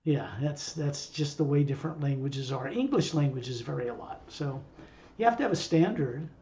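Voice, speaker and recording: A man's voice: a little high, normal speed, mellow, muffled recording. A man who acts as a spiritual teacher, talking casually and digressively to a small group. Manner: rambling, digressive.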